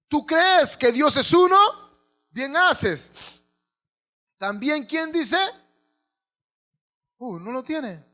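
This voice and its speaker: A man's voice: very high voice, pushed and bright. A male pastor, preaching a sermon and putting questions to the congregation.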